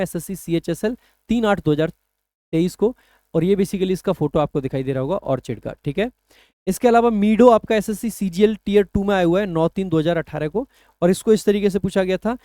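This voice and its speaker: A man teaches English vocabulary for an exam in a patient, explaining way. His voice is high-pitched with a mellow tone, and the recording is dry and close. He slows down carefully whenever he reads an English phrase aloud. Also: dry recording. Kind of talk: exam-prep lesson.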